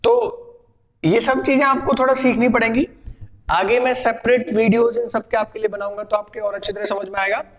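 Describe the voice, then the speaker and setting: Male language teacher, high voice, patient classroom delivery with self-answered questions, muffled reverberant recording. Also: fairly even intonation, fairly quick, fairly bright tone. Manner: explains patiently, asks and answers his own questions. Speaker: spoken English teacher. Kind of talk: classroom lesson.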